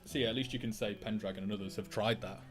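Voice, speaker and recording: A man's voice: on the low side, quick pace, music in the background. A man, co-hosting a casual podcast, talking in an informal way with lots of fillers. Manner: informal, animated, full of fillers. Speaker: podcast co-host. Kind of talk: casual chat.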